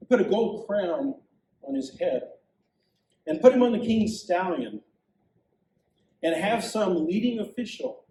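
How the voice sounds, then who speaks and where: A preacher voicing a conceited royal official who stretches out his flattery slowly. The tone is soft and warm. The voice echoes from a distance in a large, roomy church. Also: sits high, slight background noise. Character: vain, scheming royal official, grovelling.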